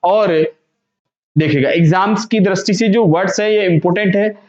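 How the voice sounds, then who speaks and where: A male vocabulary teacher, slowly spelling out and repeating words for students. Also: high-pitched, a little mellow. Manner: repetitive, drawn-out words, frequent "theek hai na". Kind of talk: classroom lesson, spelling out pronunciations. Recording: echoey room, dull lo-fi sound.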